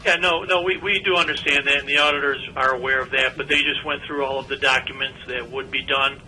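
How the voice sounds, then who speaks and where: A man heard over a speakerphone, answering committee questions in a measured, explanatory way with frequent "uh" fillers. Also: mid-range voice, fairly even intonation, bright, forceful tone, slight background noise, low-quality recording. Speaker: lab representative calling in.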